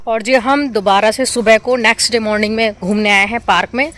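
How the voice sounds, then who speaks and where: A middle-aged woman talks to her viewers in a bright, high voice as she walks about outdoors with a handheld phone. She is chatty and casual, and a faint hiss of noise sits behind her. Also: fairly even intonation, a little fast. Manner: chatty, talks straight to viewers and laughs loudly. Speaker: vlogger filming her family day. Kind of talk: casual vlog narration to camera. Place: outdoors in a home garden, later a park.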